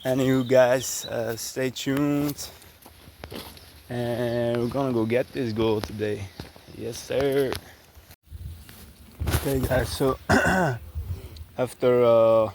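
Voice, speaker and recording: A Belgian vlogger whose first language is Dutch talks slowly in a casual travel vlog recorded outdoors on a rural hiking trail, chatty and unhurried with many fillers and restarts. His mid-range voice holds a steady tone against a noisy background with faint outdoor ambience.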